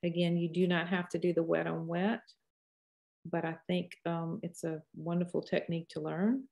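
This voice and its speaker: An older woman in her sixties with a Cajun accent speaks in a fairly low voice. She gives a casual painting lesson, wandering in a folksy way from tip to tip as she thinks out loud. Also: level tone, normal speed, vocal fry. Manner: rambling, folksy, thinks aloud while painting. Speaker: painting teacher. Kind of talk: casual live painting tutorial.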